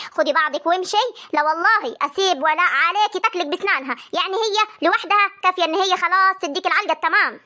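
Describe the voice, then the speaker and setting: A woman's voice: extremely high pitch, pushed and bright. A woman with an Egyptian accent playing a combative young wife who taunts and complains in a comic family drama.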